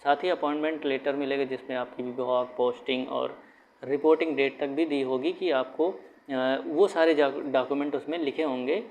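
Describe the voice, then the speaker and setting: A man's voice: medium pitch, steady tone, normal speed, darkish tone. A man giving an informal explainer for exam candidates, talking conversationally, often repeating himself and restarting his phrases. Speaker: exam guidance YouTuber. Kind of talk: casual explainer talk to camera. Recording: dull lo-fi sound with faint room noise.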